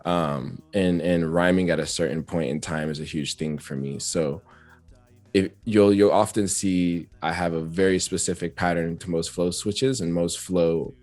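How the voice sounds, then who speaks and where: A man's voice: deep voice, steady tone, a little slow, a little mellow, no echo. A man, a rapper, chatting as an interview guest, talkative and reflective and laughing often. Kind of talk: casual interview chat.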